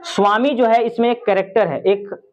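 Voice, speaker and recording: A man teaching an English story to a class, reading lines slowly and explaining them with questions to his students. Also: sits high, steady tone, lo-fi sound.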